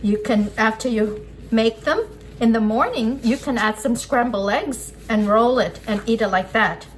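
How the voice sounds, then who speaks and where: A woman whose voice sits on the high side talks in an unhurried way over poor audio. She's demonstrating cooking casually, instructing as she goes and explaining each step with her hands busy at a work table indoors. The kitchen's ambient noise is clearly present.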